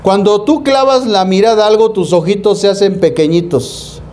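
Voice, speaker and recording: A Mexican-accented man preaches a sermon in a notably high voice. He keeps it folksy and colloquial, dropping street slang and turning to his listeners with questions. A faint hum of noise sits under him. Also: normal speed, darkish tone. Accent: Mexican Spanish. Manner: rhetorical questions, calls the congregation "hermano". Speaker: pastor.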